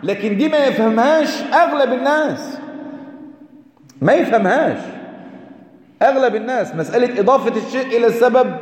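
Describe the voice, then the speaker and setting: A man's voice: high-pitched, a little mellow. A man with an Egyptian Arabic accent teaching a religious lesson, asking his listeners rhetorical questions and repeating his key points for emphasis. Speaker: preacher. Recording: echoey hall.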